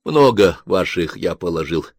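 A gruff, exhausted corporal, put on by a male reader. He speaks in a muted, guarded way with a deep voice, close to the reader's own. The sound is dry and close. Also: measured pace, dry recording. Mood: grim. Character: worn-out enemy corporal, tense, wary, gruff. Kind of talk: audiobook character voice.

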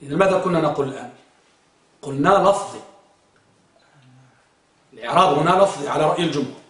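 High-pitched guy teaching grammar, repeats what students say, sounds far away. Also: fast. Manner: quizzes students and repeats their answers. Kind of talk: classroom grammar lesson. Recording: echoey room, far from the mic.

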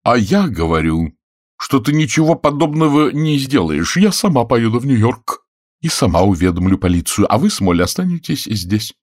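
A man's voice: mid-range voice, very animated, moderate pace, dry recording, studio quality, voice pushed up. A man voicing a domineering wealthy matron who speaks in a categorical, imperious way. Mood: commanding.

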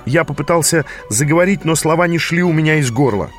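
A man narrating a first-person fantasy audiobook in an even storytelling manner. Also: fairly high pitch, fast talker, soft background music.

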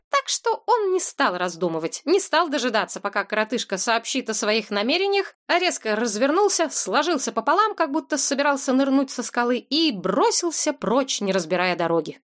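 A woman reads an adventure story aloud as an audiobook narrator. Her telling is expressive and scripted. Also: on the high side.

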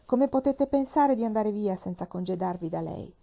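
Stern, measured male bishop, lowered voice, warm tone; a female narrator voices him. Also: animated, lightly acted. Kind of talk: dramatic reading of a novel.

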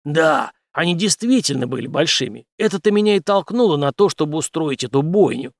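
A man's voice: on the high side, animated, a little fast, no echo, studio quality, voice pushed up. A man voicing a brash, stubborn officer. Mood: forceful.

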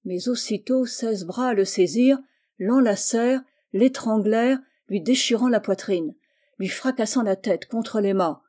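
A woman giving a measured, expressive reading of a literary story. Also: fairly high pitch. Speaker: reader.

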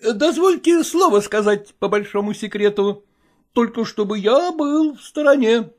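A woman's voice: on the high side, lively intonation, a little slow. A woman doing a fawning gossipy lackey. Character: sly servile male lackey, telling tales.

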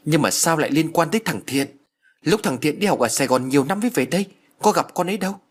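A man voicing a shrill scolding older sister. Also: lively intonation, fast, slightly rough. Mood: agitated. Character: sharp-tongued young woman, elder sister.

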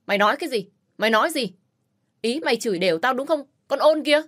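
A spiteful, quarrelsome sister-in-law who sneers and shrieks her insults, as a woman narrator puts her on. Her voice runs high and sharp, in an audio story. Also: lively intonation, moderate pace, natural voice.

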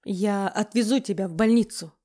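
A woman's voice: mid-range voice, moderate pace, mellow, lightly acted. A woman voicing an irritable middle-aged man who talks in curt, barking orders. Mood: gruff. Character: gruff, irritable middle-aged man, future father-in-law.

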